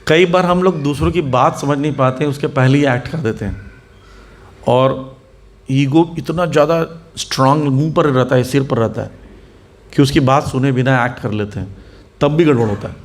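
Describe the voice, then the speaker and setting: A man's voice: mid-range voice, normal speed, a little hiss or hum. A man preaching to a seated audience, telling anecdotes, acting out the people in them and asking rhetorical questions. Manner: storytelling, acts out the people in his anecdotes. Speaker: spiritual teacher. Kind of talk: Hindi sermon to a seated audience, mixing English words.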